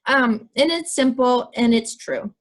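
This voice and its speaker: A woman with a squeaky voice giving a chatty, encouraging wellness talk to students over a video call, full of fillers. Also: unhurried. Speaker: wellness presenter. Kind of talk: informal presentation to students.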